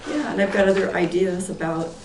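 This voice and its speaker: A woman in her sixties from Portland, Oregon, hoarse and losing her voice, gives informal testimony at a town meeting, rambling with lots of fillers and restarts and laughing lightly. Her pitch is fairly low, her intonation lively, and she talks a little fast. She's recorded far from the mic in an echoey meeting hall with faint noise.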